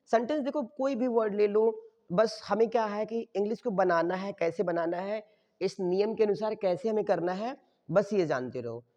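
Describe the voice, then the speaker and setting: Male teacher, grammar lesson, animated rise and fall, asks and answers his own questions, muffled lo-fi audio. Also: high-pitched. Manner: checks in with "okay?" after each step. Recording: dull muffled sound with long reverb.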